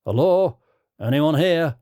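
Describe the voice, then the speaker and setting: A man voicing a calm, practical young man who leads his friends, with a British accent. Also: mid-range voice, normal speed, no room sound, clean studio sound, close to an everyday voice. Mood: calling out.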